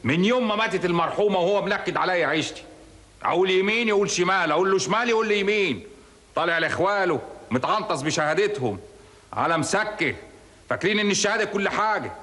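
An actor playing a stubborn, grumpy widowed village father with an Egyptian accent, talking gruffly and scolding. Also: high voice, expressive, quick pace, bright, forceful tone. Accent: Egyptian Arabic. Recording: roomy with long reverb.

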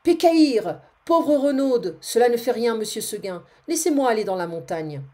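Storybook role: a restless young she-goat, read by a woman, gentle and wistful, mellow tone. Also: on the high side, very animated, normal speed. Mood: pleading.

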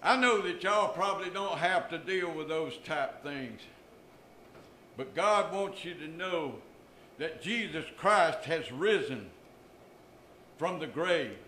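A man's voice: on the high side, lively intonation, takes it slowly, pauses often, bright, forceful tone, slight background noise. An older man preaching a sermon from a church pulpit, with emphatic rises and drops in his voice. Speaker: pastor. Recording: echoey church room.

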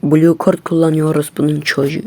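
A man vents to his channel's viewers in a fuming, profanity-laden rant. His voice sits somewhat high and has a gravelly, fried edge. The sound is close and dry, with no room in it. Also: level tone, brisk, a little mellow, dry recording. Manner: heavily profane, agitated ranting. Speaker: YouTuber. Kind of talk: angry casual rant to viewers. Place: at his computer.

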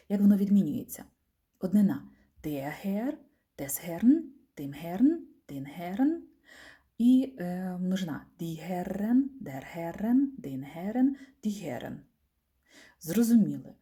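A woman teacher explaining a German grammar point patiently, often letting the ends of phrases fall soft and quiet. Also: lowish voice, lively intonation, normal speed.

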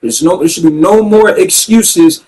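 High-voiced man ranting over gameplay. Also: a little slow, rough recording. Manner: emphatic and repetitive, gets loud and excited at big plays. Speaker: gaming YouTuber commentating his own gameplay.

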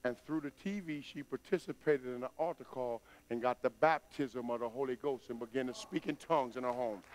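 A middle-aged man preaching in a church, chatty and plain, then building to loud, emphatic outbursts. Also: mid-range voice, brisk. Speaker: pastor. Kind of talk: sermon. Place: church sanctuary stage.

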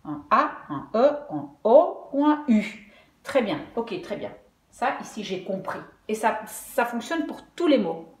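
Lady teaching slow, lively up and down voice, sings words out in bits, roomy echo. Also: fairly high pitch. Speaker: language teacher. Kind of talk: explaining Dutch spelling at a whiteboard. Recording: echoey room.

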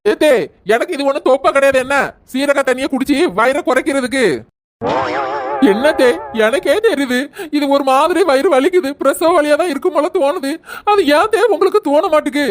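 A woman's voice: sits high, brisk, close to an everyday voice. A woman with a Kanyakumari Tamil accent playing a young pregnant wife in labour who wails, groans and bickers sharply in a family comedy skit. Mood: sharp, whiny.

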